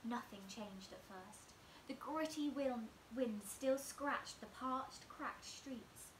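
Filmed on a camera set up before her in a small room at home, a young woman in her twenties reads a bedtime picture book slowly and expressively, frequently falling almost to a whisper. Her voice is a little high, the room echoes, and the background is noisy.

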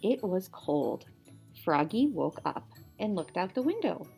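A young woman reading a children's story like a teacher, animated, with playful sound words. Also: lowish voice, a little slow, gravelly, over music. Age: young adult. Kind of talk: children's story read-aloud. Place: small indoor classroom or office.

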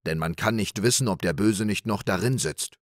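A gullible, boastful middle-aged farmer, as a man reading a fairy tale puts him on. The voice is deep and gruff with an eager push. It is recorded dry and close. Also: normal speed, no room sound, close to an everyday voice.

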